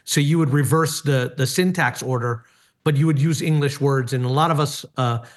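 A middle-aged former pastor from Hawaii shares his personal testimony in an interview, earnest but full of hesitations and fillers. He speaks in a mid-range voice at a moderate pace.

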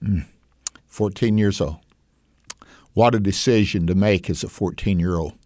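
A man interviewing guests, asking questions in a gentle, reflective way. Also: sits low, measured pace, no echo.

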